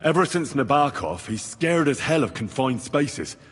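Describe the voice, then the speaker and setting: A tough, caring comrade in a video game. His husky voice moves in a lively way and carries a long echo. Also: mid-range voice, moderate pace. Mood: gruff, concerned. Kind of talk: dramatic video game dialogue. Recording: long echoing reverb.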